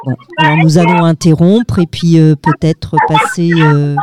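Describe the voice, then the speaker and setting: A woman's voice: sits low, flat delivery, unhurried, loud music behind the voice. A woman hosting a live school web radio show, patient and hesitant, with many fillers.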